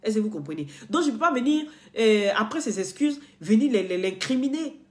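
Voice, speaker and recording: Speaking directly to her followers on camera, a woman blogger sounds high-ish, expressive and brisk. Her casual talk turns earnest and preachy, with frequent repetition and false starts.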